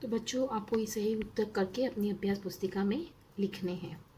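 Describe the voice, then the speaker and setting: Teaching a Hindi lesson for little primary schoolers, this woman speaks at normal speed in a medium-pitched, dark-toned voice, with a little hiss or hum on the recording. She draws out each word, pronounces everything clearly, and poses easy questions as she goes.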